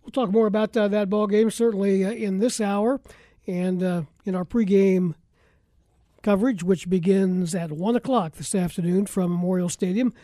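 Mellow male sports radio host, broadcast-processed. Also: high-pitched, steady tone, normal speed, no echo, studio quality. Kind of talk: conversational live sports radio talk.

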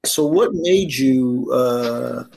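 A man's voice: medium pitch, very slow, gravelly, a little mellow. A man hosting a casual interview show, joking, rhyming and repeating phrases for emphasis. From Harlem, New York. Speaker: podcast host.

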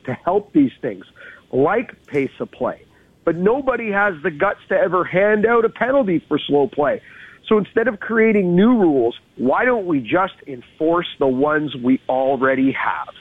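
A man's voice: a little high, big pitch swings, moderate pace, husky, no echo. Golf commentator man on a tinny phone-like line. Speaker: co-host of a golf talk show. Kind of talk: casual golf talk and commentary.

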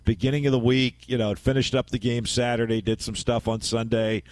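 A man's voice: mid-range voice, little pitch movement, a little fast, dry recording. A man hosting a sports radio show, telling a story in a chatty, rambling way and laughing at himself. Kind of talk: casual radio chat.

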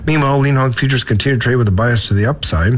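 Brisk man reading a hog farm report. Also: medium pitch, a little hiss or hum. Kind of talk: radio farm report, scripted market read.

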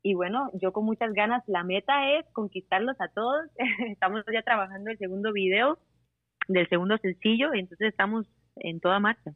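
A woman's voice: medium pitch, moderate pace, dry recording. Woman laughing easily over a phone line. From raised in Costa Rica and Panama. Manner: laughs often between phrases. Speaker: singer-songwriter guest. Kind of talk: casual interview over the phone.

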